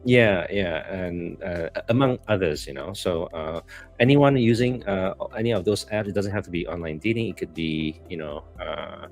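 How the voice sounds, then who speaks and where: A man's voice: deep voice, normal speed, soft background music. A man with a Malaysian accent co-hosting a casual live chat, talking in a hesitant, rambling way. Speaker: co-host of a live stream.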